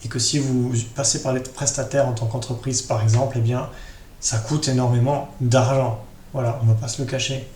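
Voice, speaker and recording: A man with a mid-range, somewhat dark voice talks at a moderate pace with little pitch movement. He hosts an informal screen-share tutorial, walking viewers through it step by step and addressing them directly. The recording has a roomy echo and noticeable background noise.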